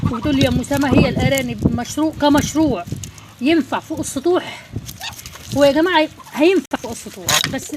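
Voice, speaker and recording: An Egyptian woman speaks in rapid, heartfelt casual chat to her viewers about raising birds. Her voice sits a bit high. Clear background noise runs under the recording. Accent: Egyptian Arabic. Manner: warm, heartfelt, talks straight to her audience. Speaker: poultry-raising vlogger. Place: rooftop.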